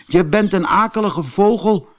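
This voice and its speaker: A man's voice: sits high, moderate pace, a bit bright, voice pushed up. A man doing a sad, sighing little snail. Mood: earnest. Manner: plaintive, sighing. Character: sad lonely male snail without a shell.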